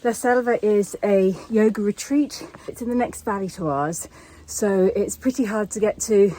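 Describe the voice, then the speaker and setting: A woman's voice: mid-range voice, normal speed, mellow, slight background noise, low-quality recording. A woman talking casually to camera in a vlog while climbing mountain steps outdoors, out of breath. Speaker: vlogger.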